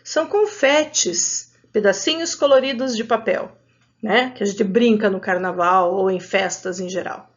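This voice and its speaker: Slow, patient woman teacher sounding out syllables. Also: mid-range voice, muffled recording. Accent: Brazilian Portuguese. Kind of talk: adult literacy lesson.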